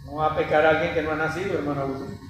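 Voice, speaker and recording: High-voiced man teaching scripture, echoey. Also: steady tone, racing. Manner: retells scripture as a story, checking in with "¿cierto?"; addresses his co-host often. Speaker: Bible study host. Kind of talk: conversational Bible teaching. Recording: echoey, distant mic with faint noise.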